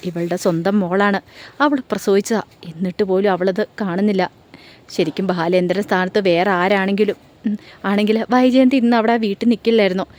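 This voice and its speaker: A woman's voice: mid-range voice, steady tone, a little fast, darkish tone. A woman retelling a television serial episode as a story, reading out the characters' lines in her own voice.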